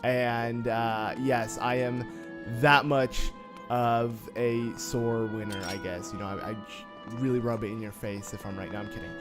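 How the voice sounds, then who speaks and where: A young gameplay commentator, his voice slightly raspy as if he just woke up, jokes casually over a video game in let's-play style, full of fillers and self-mocking asides. His pitch is medium with little movement, and his pace is measured. Game music plays faintly underneath.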